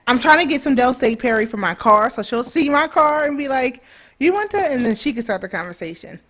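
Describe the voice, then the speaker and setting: A woman in her late twenties co-hosting a casual podcast, telling stories in a relaxed way with dry asides. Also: on the high side, fairly quick. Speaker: podcast co-host. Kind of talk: casual chat.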